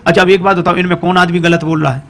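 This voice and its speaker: High bright-voiced male preacher singing a story. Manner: alternates slow sung verses with lively storytelling, voicing characters briefly. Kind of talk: sung and spoken Hindi story sermon.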